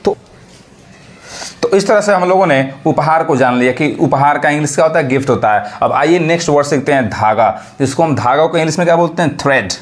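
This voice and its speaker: A man teaches English vocabulary. He keeps asking questions, answers them himself, repeats each word and reads the example sentences slowly. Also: on the high side. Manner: repeats words and translations. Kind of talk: classroom-style vocabulary lesson.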